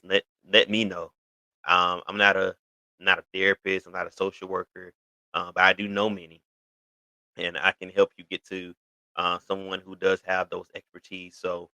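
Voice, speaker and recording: A man's voice: low-pitched, level tone, moderate pace, pushed and bright, no echo, low-quality recording. A man of thirty hosting his own show, talking casually to camera and rambling with lots of "you know" fillers and restarts. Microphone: video recording for an online channel.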